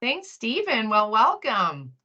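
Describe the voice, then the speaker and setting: Woman, online session host. Crisp bright tone, informal moderating, slightly dull call audio. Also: a little high, wildly swooping pitch, takes it slowly. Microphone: video call. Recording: muffled video call audio.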